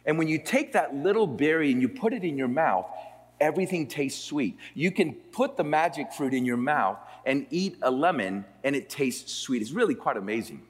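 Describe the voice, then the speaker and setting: A man from Puerto Rico preaching in a seminary chapel, his pitch rising and falling a great deal. He shifts between slow, weighted phrases and quicker runs. A long hall reverb trails his words. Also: expressive, slightly rough. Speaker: pastor. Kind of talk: sermon with scripture reading.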